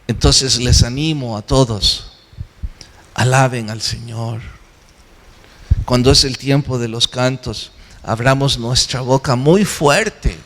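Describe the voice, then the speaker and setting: A male pastor delivers a sermon at an unhurried, deliberate pace, pressing his congregation with questions he answers himself. His voice rings out with a long reverberant tail, as if recorded in a large church sanctuary. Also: medium pitch, fairly bright tone. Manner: earnest, exhorting, asks and answers his own questions.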